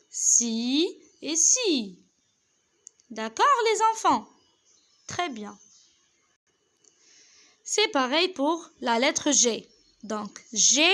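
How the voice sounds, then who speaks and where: Lady teacher, high voice, goes slow and patient for the kids, flips french and arabic. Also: bright, forceful tone. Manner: patient, slow, repeats each point for children; switches between French and Arabic. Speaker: primary school French teacher. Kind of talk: children's French lesson explained in Algerian Arabic.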